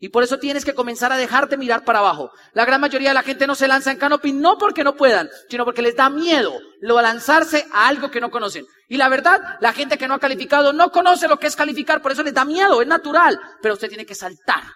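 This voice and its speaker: A man giving an animated, repetitive motivational talk to a crowd, acting out the people he quotes. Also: very high-pitched, quick pace, few pauses. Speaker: motivational speaker. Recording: live talk with long hall reverb.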